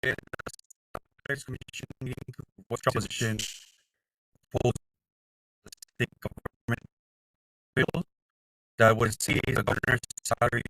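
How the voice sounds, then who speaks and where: A man's voice: medium pitch, little pitch movement, unhurried, vocal fry, long pauses, noisy background. Man on a choppy video call. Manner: reads updates with many fillers. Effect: voice over a video call, breaking up. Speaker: legislative office staffer. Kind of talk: giving updates at a community meeting.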